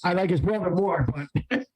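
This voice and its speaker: A man hosting a wrestling watch-along, excitable and rambling, often stumbling and correcting himself, amped up on coffee. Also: sits high, a little slow, low-quality recording. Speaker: stream host. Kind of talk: casual watch-along chat.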